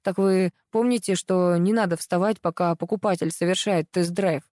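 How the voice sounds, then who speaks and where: A woman's voice: on the low side, fairly even intonation, moderate pace, darkish tone, no room sound, clean studio sound, natural voice. A woman reading a flustered young husband. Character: nervous, evasive young husband and car seller.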